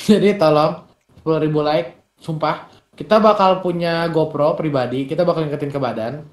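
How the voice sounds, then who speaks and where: A man's voice: a little high, normal speed. A young man co-hosting a reaction video, brash and swearing in nearly every sentence. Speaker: co-host. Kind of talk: casual reaction chat. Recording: roomy echo.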